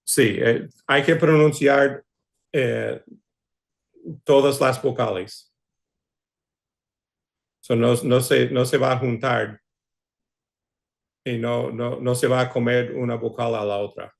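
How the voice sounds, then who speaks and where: A man's voice: mid-range voice, fairly even intonation, takes it slowly, gravelly, long pauses. A man who is a pastor teaching a Greek class, speaking patiently with many hesitations. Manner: patient, hesitant, fillers and restarts. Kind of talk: online class lecture.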